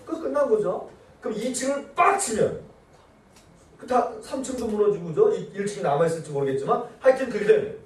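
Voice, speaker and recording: A man, a pastor, giving a lively church seminar and acting out nagging quotes in shrill voices. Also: fairly quick, reverberant, recorded from a distance. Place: church hall.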